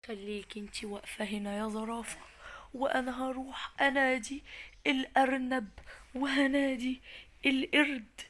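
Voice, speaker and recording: A woman's voice: high voice, fairly even intonation, normal speed, fairly bright tone. A woman with an Egyptian Arabic accent voicing a brave, protective male elephant in a storybook tale, earnest, reassuring and urgent. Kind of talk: storybook acting.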